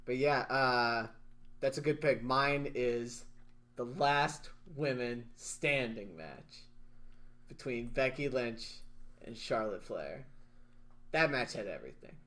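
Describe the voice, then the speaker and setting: A man co-hosting a wrestling podcast, talking excitedly, laughing often and leading the segments. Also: medium pitch, slow pace. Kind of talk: casual chat.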